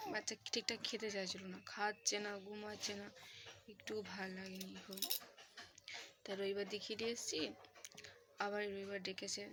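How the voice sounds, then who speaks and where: A woman's voice: mid-range voice, background noise. A young woman vlogging at home, talking casually to her viewers and coaxing her child with a sore throat. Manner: chatty, coaxing her child in a sing-song voice. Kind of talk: casual home vlog talk.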